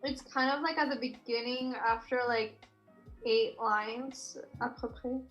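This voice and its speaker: A young woman leading a casual group study chat, blunt and quick to swear, often baffled by the reading. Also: a little high, steady tone, a bit bright, muffled recording, soft background music. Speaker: student leading a group discussion.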